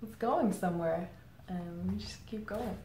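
A Czech marketing head, interviewed as a guest, gives reflective answers in a thoughtful manner, pausing with many "um"s. Her voice is on the low side with a darkish tone. She sits indoors against a plain grey backdrop, and the recording has a roomy echo and faint ambient noise.

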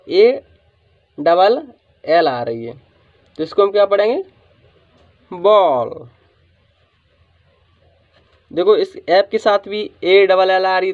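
A man teaching English reading in a phonics lesson, spelling out letters and asking questions he answers himself, sometimes drawing a word out slowly. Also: high voice. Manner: drawls some words slowly for emphasis. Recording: dull lo-fi sound.

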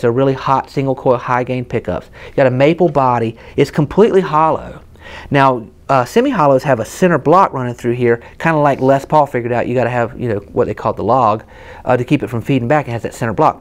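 Talking fast in a mid-range voice, a man in his thirties shows off a guitar inside a shop where guitars hang around the room. He's from South Carolina, has a Southern US accent, and keeps the demo casual with chatty stories and hands-on explanations.

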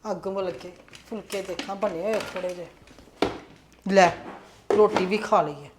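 A woman playing a sharp-tongued mother who scolds her sons and scorns her elderly in-laws in a family drama. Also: medium pitch, unhurried, background noise, lightly acted. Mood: grumbling. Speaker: mother and daughter-in-law.

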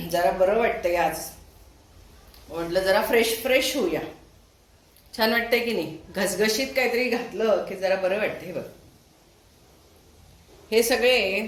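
A middle-aged woman chatting casually to her viewers while she cooks at home, talking to them directly. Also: mid-range voice. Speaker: home cooking vlogger. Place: home kitchen. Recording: roomy echoing home room.

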